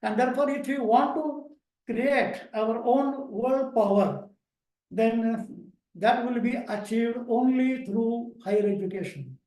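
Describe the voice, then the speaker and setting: A man with an Indian English accent giving an online lecture to teachers, slow and repetitive with many fillers, recorded over a video call. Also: very high-pitched, a little mellow. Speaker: lecturer at a teachers' training program. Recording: echoey room, speaker far from the mic.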